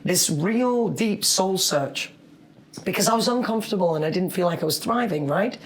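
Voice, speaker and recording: A man's voice: high-pitched, animated, moderate pace, low-quality recording. A man speaking as a cruise director in an interview, chatting in an upbeat, cheerful and friendly way.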